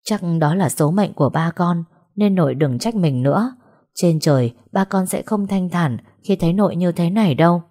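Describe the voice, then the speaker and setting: A woman's voice: lowish voice, animated, normal speed, mellow. Woman voicing timid orphaned young woman. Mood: consoling. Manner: pleading, tearful.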